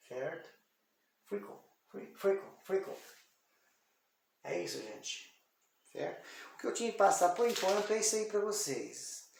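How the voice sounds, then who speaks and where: A man from Brazil teaching English pronunciation in an online lesson, slowly drilling words over and over with many fillers. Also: a little high, vocal fry, darkish tone. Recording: echoey room, voice far from mic, faint noise.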